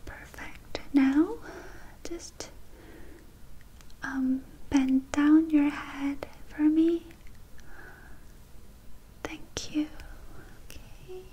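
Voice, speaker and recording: A woman doing a whispered role-play as a dental hygienist, speaking in a gentle, reassuring, soothing manner to a patient. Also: high-pitched, fairly even intonation, extremely slow, long pauses, a little hiss or hum, poor audio.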